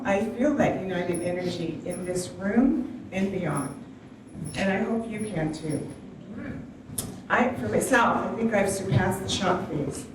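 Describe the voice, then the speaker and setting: A woman speaks from the podium of a large town hall, earnest and soft-spoken but rousing, her voice mid-range. The distant stand mic captures mostly room sound, leaving her echoey and far off against a noisy background.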